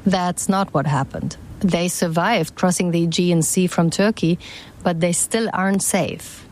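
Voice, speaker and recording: A woman reporter giving scripted news narration in a measured, even way. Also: lowish voice, slight background noise.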